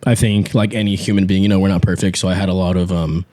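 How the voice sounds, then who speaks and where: A low-pitched, fast-talking man in his twenties is co-hosting a casual faith podcast. He sounds relaxed and laughs easily, stumbling into frequent fillers and restarts as he chats on a studio podcast mic in a small home setup.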